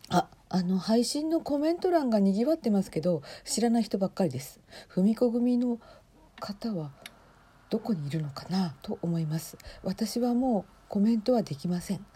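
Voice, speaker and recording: A podcast host watches a livestream and reacts aloud to her listeners in a chatty, half-whispered way, close to a phone mic. Her mid-range voice is dark, mellow and husky, animated, at a normal speed. She speaks softly, often slipping into a breathy half-whisper.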